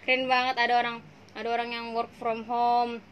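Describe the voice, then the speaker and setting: A woman's voice: on the high side, completely flat delivery, normal speed, highs cut off, slight background noise. A young woman hosting a casual podcast, playful and slangy, laughing often. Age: young adult. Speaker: podcast host.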